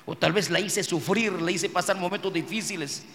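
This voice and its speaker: A man's voice: high-pitched, moderate pace, fairly bright tone, long reverb tail, a little hiss or hum. A man preaching a sermon as pastor, emphatic and repetitive, calling listeners brother and rising into cries of praise. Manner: addresses listeners as brother, repeats phrases.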